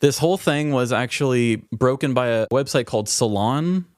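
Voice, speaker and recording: An American man from the US Midwest co-hosts a comedy podcast, telling stories in a loose, rambling, conversational style. His voice sits at medium pitch and moves at a moderate pace. The studio-quality recording has no room sound.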